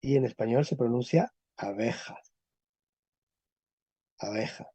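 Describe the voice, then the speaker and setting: A male teacher giving a lecture on the history of Spanish, explaining step by step and checking with quick tag questions. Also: on the high side, expressive, warm tone, no echo. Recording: dull lo-fi recording.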